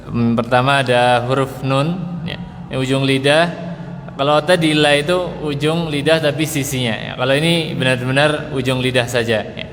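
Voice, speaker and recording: A man's voice: mid-range voice, fairly bright tone. A man teaching Quran pronunciation in a mosque, patiently drawing out letter sounds to demonstrate them and adding a little "ya" after nearly every phrase. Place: mosque hall. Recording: long hall reverb, faint background noise.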